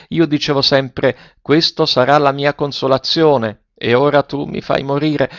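Nonna anziana, fragile e supplichevole, fatta da un uomo, voce alzata, registrazione secca e ovattata. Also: male voice, on the high side, no room sound, lo-fi sound, voice pushed up, close to an everyday voice. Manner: pleading, sorrowful. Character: frail old paralyzed grandmother, tearful and pleading.

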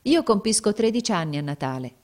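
A woman voicing a gentle, caring twelve-year-old girl in a storybook reading, with a light, raised girlish voice. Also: medium pitch, lively intonation, fast, voice pushed up, natural voice.

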